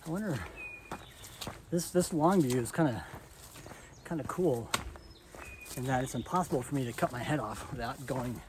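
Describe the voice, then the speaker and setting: A man filming himself with a selfie stick while he walks a hiking trail, out of breath and thinking aloud in halting bursts. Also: mid-range voice, noisy background. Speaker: hiker vlogger. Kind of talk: reflective vlog while walking. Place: outdoor forest trail. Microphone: camera on a selfie stick, held at arm's length and farther.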